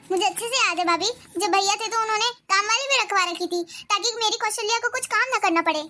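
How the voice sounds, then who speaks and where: Woman doing a caring neighbor lady in a cartoon, high bright voice, consoling. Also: fast. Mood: sympathetic. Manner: concerned and consoling. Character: sympathetic middle-aged neighbor woman. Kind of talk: cartoon voice acting.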